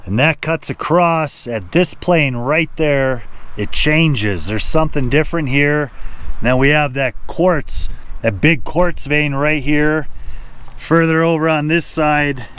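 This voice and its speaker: A man's voice: on the high side, slow, fairly bright tone, clean tone. A man narrating his own outdoor prospecting vlog at an abandoned mine, thinking aloud and pointing things out as he goes. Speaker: gold prospecting vlogger.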